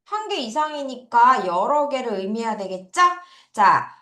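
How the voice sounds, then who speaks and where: A woman teaches an English vocabulary lesson in an unhurried, sing-song way, her pitch rising and falling a lot. She coaxes students to repeat each word after her. The room is echoey. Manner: lively, coaxing students to repeat words. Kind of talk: online lesson.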